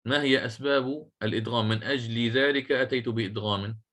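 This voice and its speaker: A man teaching a class on Quranic recitation rules. He puts questions to his students, repeats key phrases slowly and chants short verses in a measured tone. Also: mid-range voice, steady tone, a bit bright. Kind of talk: classroom lecture on tajweed.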